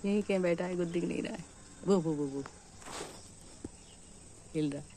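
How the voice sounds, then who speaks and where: A woman's voice: lowish voice, normal speed, slight background noise. A woman filming a casual gardening vlog in her home garden, chatting to the camera and calling out to her cat. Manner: chatty, calls excitedly to her cat, scolds it. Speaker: gardening vlogger.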